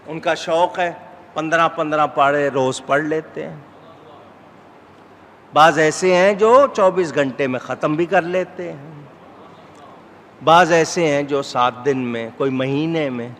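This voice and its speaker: A middle-aged man delivering a sermon as an Islamic scholar, measured in tone and rising to emphatic exhortation. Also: on the high side, a bit bright. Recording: hall reverb with faint background noise.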